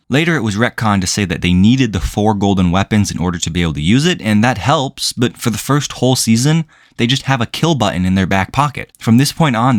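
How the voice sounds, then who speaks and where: A man's voice: fairly low pitch, no echo. A man giving sarcastic video commentary as a reviewer, with a dry, incredulous way of asking questions.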